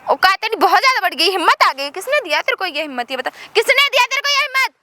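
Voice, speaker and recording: A woman's voice: very high voice, sing-song, fast talker, sharp tone, full character voice. A woman playing a bossy bullying young wife. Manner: taunting, commanding.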